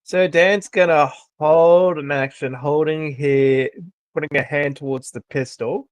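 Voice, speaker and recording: A man's voice: fairly high pitch, steady tone, unhurried, no room sound. Matter-of-fact man in a tabletop game. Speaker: player. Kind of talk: tabletop game play, describing his character's actions.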